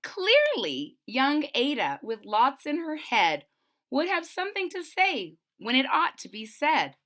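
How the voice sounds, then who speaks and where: A high, lively woman's voice reads a rhyming storybook to children, slow and unhurried. Her tone is bright and clear, and she stops now and then to talk the story over in simple words for little listeners. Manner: expressive storyteller, adds plain-spoken asides for children. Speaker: read-aloud narrator. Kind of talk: children's picture book read-aloud.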